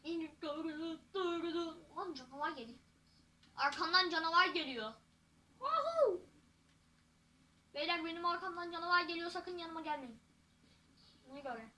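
A teenage girl giving casual, excitable gameplay commentary as a YouTuber, with loud outbursts and jokes. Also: extremely high pitch, brisk, slight background noise. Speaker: gaming YouTuber.

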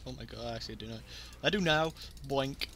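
A man giving live gameplay commentary, excitable and laughing often, getting loud when excited. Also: mid-range voice, fast talker, a little hiss or hum. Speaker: gaming YouTuber.

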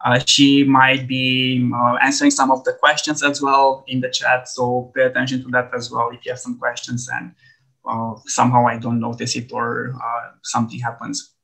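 Bright-voiced man leading a webinar. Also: mid-range voice, normal speed, vocal fry, low-quality recording. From Romania. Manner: friendly, relaxed presenter with frequent "uh" fillers. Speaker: edtech trainer. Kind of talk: online training webinar. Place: home office, video call.

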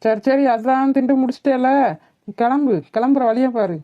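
A woman voicing a bossy, sharp-tongued girl in a cartoon, scolding and sarcastic. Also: high voice, fairly even intonation, normal speed, noisy background, natural voice. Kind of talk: cartoon voice acting. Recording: tinny phone-like, dry.

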